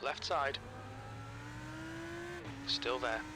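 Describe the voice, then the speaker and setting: Male spotter, mid pitch, short clipped radio calls, heavy engine noise. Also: drawn-out words. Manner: terse, clipped. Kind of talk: clipped racing radio callouts. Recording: clipped radio under loud engine roar.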